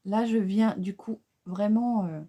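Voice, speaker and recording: A woman's voice: medium pitch, slow. A woman doing a casual makeup tutorial, chatty and hesitant with many fillers, talking straight to her viewers. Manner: excited exclamations over the colors. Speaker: beauty vlogger.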